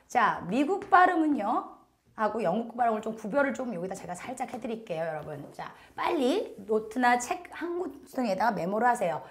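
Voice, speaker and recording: Woman teacher doing a test-prep listening class, kinda high voice, bounces around a lot, talks right at the students. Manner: chatty, addresses students directly, frequent "자" fillers. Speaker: TOEIC listening instructor. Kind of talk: recorded lecture.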